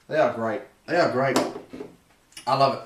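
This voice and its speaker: In a slightly distant, roomy recording with faint background noise, a young man talks his stream viewers through building a computer. His medium-pitched voice is fairly bright and at normal speed, and he rambles casually, correcting himself often.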